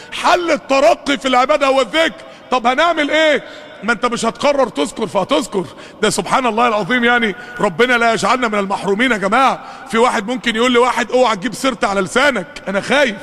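In a reverberant mosque hall, a man with an Egyptian Arabic accent delivers a fervent sermon in a high, fairly bright voice. Rhetorical questions and appeals to the congregation run throughout.

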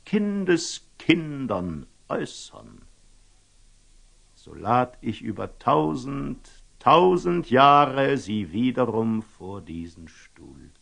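An actor playing a wise, calm merchant and eloquent storyteller in a classical radio drama, speaking with rhetorical, deliberate emphasis. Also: male voice, mid-range voice, creaky, heavily acted. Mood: solemn, admonishing. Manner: rhetorical, deliberate, with emphatic rises and hushed drops.

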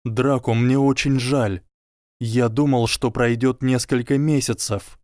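A man voicing an earnest, clever young wizard who argues calmly and persuasively. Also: mid-range voice, measured pace, no room sound, studio quality, lightly acted. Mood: pleading. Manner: calm, reasoning, quietly persuasive.

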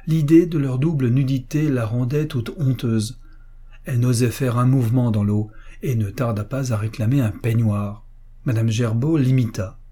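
A male audiobook narrator reads a classic story in short, measured phrases. His voice is mellow and dark, with a husky texture. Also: mid-range voice.

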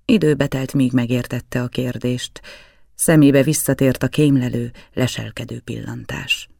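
Gravelly, dark-voiced male audiobook narrator. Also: medium pitch, steady tone, no echo, studio quality. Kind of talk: first-person novel reading.

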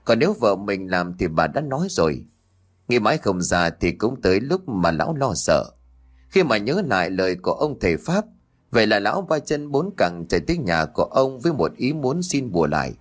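A man tells a ghost story, dramatic and expressive. His voice sits low and moves widely in pitch. The telling stays animated throughout. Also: fairly quick.

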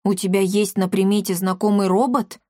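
Woman doing an excitable young inventor boy. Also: medium pitch, normal speed, no room sound, clean studio sound, close to an everyday voice. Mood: excited. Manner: eager, exclaiming.

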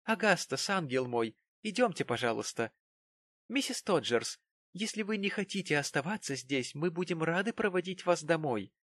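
Guy doing a shrill snooty young lady, voice way up high, super dry sound. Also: lively intonation, normal speed, fairly bright tone, dry recording. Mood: scornful. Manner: shrill, scornful. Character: haughty shrill young woman, scornful.

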